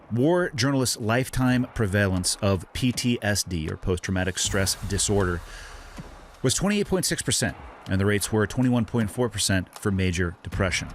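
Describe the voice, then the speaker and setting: A man with a fairly low voice hosts a podcast. He reads a scripted introduction in a measured way, then asks his guest questions. Faint noise sits behind his voice. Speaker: podcast host.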